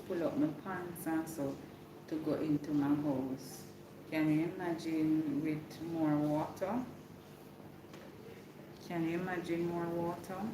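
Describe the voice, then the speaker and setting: Jamaican woman livestreamer, casual update style with repeated phrases, in an echoey room with clear background noise. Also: low-pitched. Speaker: livestreamer giving a hurricane update. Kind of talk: casual live check-in chat with viewers.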